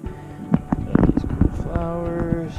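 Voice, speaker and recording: A man narrating a casual travel vlog on a mountain trail, relaxed and joking, recorded on an action camera outdoors. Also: a little high, extremely slow, phone-quality sound, loud music behind the voice. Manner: relaxed, joking, laughs often. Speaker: travel vlogger.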